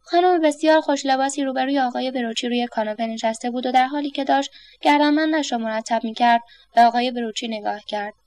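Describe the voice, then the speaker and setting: A woman narrating a story in a steady, expressive way. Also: high-pitched, no room sound, studio quality.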